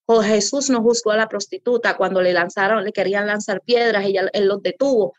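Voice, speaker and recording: A woman's voice: medium pitch, fairly even intonation, a little fast, dry recording. A woman pastor speaking earnestly as an interview guest, in a preacherly way that repeats for emphasis. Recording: dull lo-fi audio.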